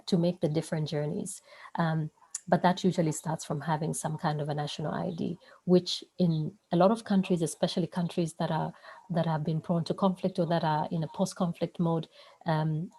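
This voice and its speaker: A woman presents over a video call, her voice pitched a little low and mellow. She talks in a thoughtful, halting way, often pausing and restarting her sentences as she works through her points. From Zambia. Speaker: webinar presenter.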